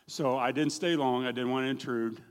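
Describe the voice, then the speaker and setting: A man's voice: medium pitch, clear, resonant tone. A middle-aged man giving a plain-spoken, folksy personal testimony in a church, telling his story with a self-deprecating edge. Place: church hall. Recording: long reverb of a church hall.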